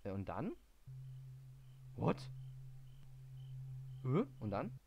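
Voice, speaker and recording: A man doing live game commentary, muttering in confusion, reading in-game hints aloud and breaking into sudden excited outbursts. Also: medium pitch, normal speed, muffled recording, noisy background. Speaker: let's play gamer.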